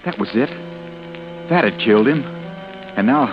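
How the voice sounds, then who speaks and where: An actor playing a panicked young man hiding after a killing, narrating his dread in a tense, often hushed inner monologue. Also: mid-range voice, lively intonation, a little slow, music in the background, close to an everyday voice. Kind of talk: 1940s radio drama narration. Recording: dull old radio broadcast.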